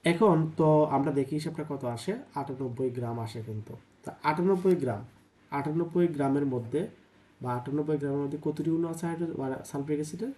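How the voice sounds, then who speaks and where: A man's voice: on the high side, fast talker, mellow. A male chemistry tutor working through exam problems step by step, asking and answering his own questions and mixing English terms and numbers into his speech. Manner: thinks aloud, asks and answers own questions, "তাই না?" checks. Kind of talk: exam-prep lesson, working problems aloud.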